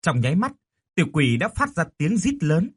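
A man reading a horror audiobook with an expressive, dramatic delivery. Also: a little high, moderate pace, slightly rough. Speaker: narrator.

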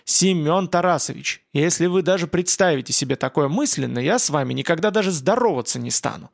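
A man voicing an indignant, frightened young woman scientist in an audiobook, with trembling, shrill outbursts. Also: expressive, brisk, gravelly.

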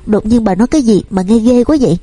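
A woman's voice: on the high side, fast talker, warm tone, slightly rough, no echo, faint music behind. A woman reading the part of a loyal, anxious young servant girl asking worried questions.

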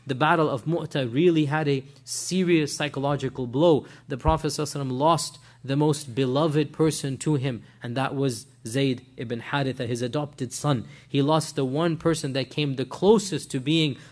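A man giving a weekly religious history lecture in an animated way, often asking his listeners rhetorical questions and weaving in Arabic religious phrases. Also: mid-range voice, moderate pace, few pauses.

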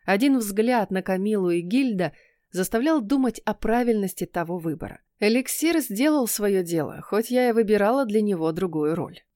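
Woman narrator, audiobook reading, expressive, close dry studio sound. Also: medium pitch, normal speed, no echo. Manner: expressive first-person storytelling.

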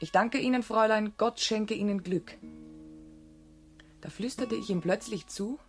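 In a German radio play, a young adult actress portrays a proud, disdainful young woman whose manner is cool and forthright. Her natural, mid-range voice proceeds unhurriedly with a mood of wistful recollection, and faint music sits behind her.

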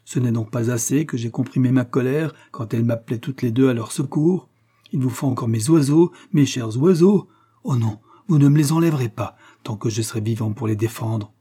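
A man reading a storybook, voicing a proud, impoverished old nobleman who shouts in furious, impassioned outbursts. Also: mid-range voice, a little fast, slightly rough, natural voice.

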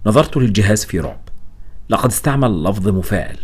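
Fast, lively male narrator. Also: fairly low pitch, breathy edge. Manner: quick, lively storytelling. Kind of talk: audiobook narration of a horror novel.

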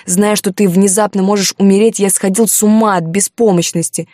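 Woman reading a young man, angry, wounded lover, shouting, storybook, mellow, dry. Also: sits low, dry recording. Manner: shouting, heated and breathless. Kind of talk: audiobook character reading.

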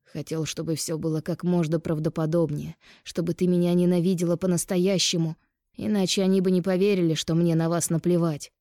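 A woman reading an audiobook, voicing a remorseful middle-aged ex-husband who speaks low, quiet and slow. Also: level tone, no room sound, studio quality, lightly acted. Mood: pleading.

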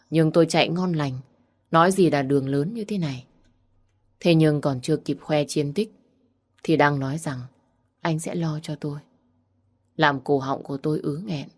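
A woman reading a first-person story aloud with earnest, heartfelt delivery. Her voice is notably low for a woman. The reading is steady and sincere. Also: unhurried, pauses often. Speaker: audiobook narrator.

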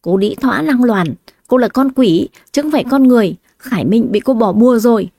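A woman voicing a young wife who speaks calmly and coldly. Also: on the high side, a little fast, dry recording, clean studio sound. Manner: calm, cold and cutting. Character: young wife, cool and cutting.

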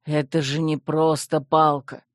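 A woman voicing a fawning, solemn male skeleton servant, in a lowered, slow voice for an audiobook. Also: level tone, no echo, clean studio sound.

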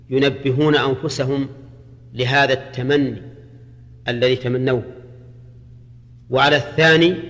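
A man teaches a religious class in a measured, explaining manner, pausing to check that his listeners follow. His voice sits at an ordinary middle pitch for a man. It rings out with a long reverb, as if recorded in a large mosque or lecture hall. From Saudi Arabia. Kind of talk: classroom lecture on Quranic grammar.

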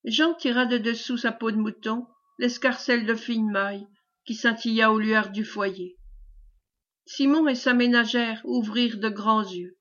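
A woman's voice: fairly high pitch, steady tone, a little slow, fairly bright tone. Woman narrating a classic novel. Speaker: audiobook reader. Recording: dull lo-fi recording.

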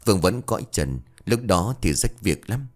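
A humble village exorcist speaks softly and politely, consoling a grieving widow, as a man reads his part. The voice is deep, with a lively, rising and falling melody in a ghost storybook. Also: normal speed. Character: kind young village exorcist, modest and earnest.

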